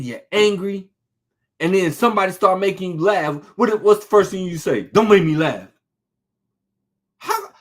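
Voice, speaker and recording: A man preaching an informal sermon, reading scripture slowly and talking to listeners in a street-casual way, full of rhetorical questions. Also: high voice. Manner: reads scripture slowly and deliberately.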